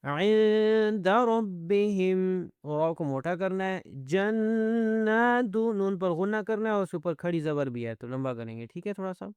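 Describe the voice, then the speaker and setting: High-voiced man teaching Quran recitation. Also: animated, darkish tone, smooth, no echo, dull audio. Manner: explains each letter, then recites verses slowly in a drawn-out chant. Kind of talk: step-by-step recitation lesson.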